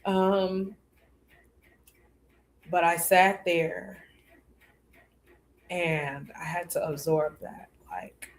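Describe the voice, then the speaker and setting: A woman's voice: lowish voice, drawn-out words, long pauses. A podcast host, a woman, telling a personal story in a rambling way, with many fillers and acted-out bits of dialogue.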